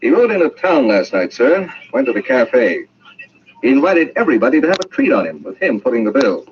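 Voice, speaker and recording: An actor playing an insistent, cocksure police constable making accusations in an old-time radio drama. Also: male voice, medium pitch, sing-song, fairly quick, lightly acted. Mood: accusing. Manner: insistent, triumphant. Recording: muffled, hissy old radio recording.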